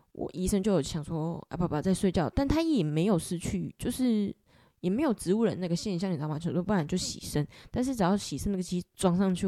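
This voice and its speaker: Young woman podcast host, low voice, dry close sound, slow soft storytelling. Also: no room sound. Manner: soft, reflective, unhurried telling. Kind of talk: personal storytelling.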